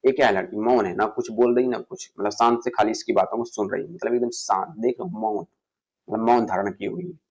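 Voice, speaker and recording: Male tutor, gravelly, mid-pitched, drilling vocabulary for exams, dull lo-fi recording. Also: steady tone, fairly quick. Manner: asks and answers his own questions, repeats words. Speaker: English vocabulary teacher. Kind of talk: exam-prep vocabulary lesson.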